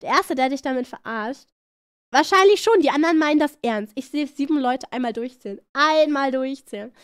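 A woman streamer reacting live to clips, excitable and playful, often shrieking, laughing and repeating words. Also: sits high, brisk, no room sound, clean studio sound.

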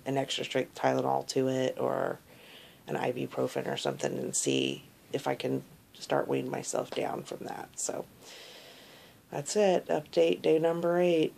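Still sore-throated after tonsil surgery, a woman in her thirties lies in bed in a small room and offers a casual, low-energy recovery update to her phone, held at arm's length. Her voice is gravelly, creaky and somewhat dark, and she takes her time. A little background noise can be heard.

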